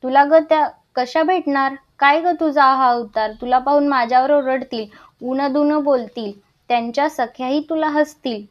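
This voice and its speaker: A woman's voice: sits high, fairly even intonation, normal speed, lo-fi sound, natural voice. A woman voicing a cautious young maidservant who speaks anxiously and earnestly in a storybook reading. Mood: wary.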